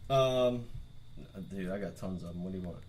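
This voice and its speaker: Man telling crude deadpan jokes. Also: deep voice, normal speed, a little hiss or hum. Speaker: comedian guest. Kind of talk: casual banter with crude stand-up jokes.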